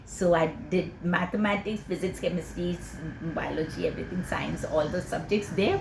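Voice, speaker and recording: An older woman with an Indian accent who recites a poem and then tells a chatty, animated personal story, laughing often and filling pauses with "uh" and "you know.". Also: fairly low pitch, vocal fry, a little hiss or hum. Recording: echoey room with faint ambience.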